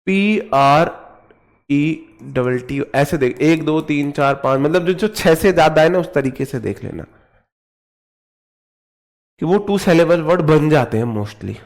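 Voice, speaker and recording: A man's voice: on the high side, lively intonation, takes it slowly, pauses often. A young man with a North Indian Hindi accent teaching English grammar in an online class, joking with and playfully scolding his students as he drills words.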